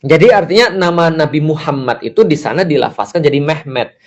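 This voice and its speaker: A man giving a casual religious lecture as a preacher, lively and acting out the voices he quotes. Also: fairly high pitch, fairly quick, lo-fi sound. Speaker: Islamic preacher.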